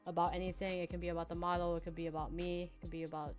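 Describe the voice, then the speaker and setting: A woman's voice: lowish voice, level tone, racing, soft background music. A woman streaming live trading practice, chatting casually with viewers, laughing and answering chat between chart notes. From United States (Hawaii and Virginia). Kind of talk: casual live backtesting commentary.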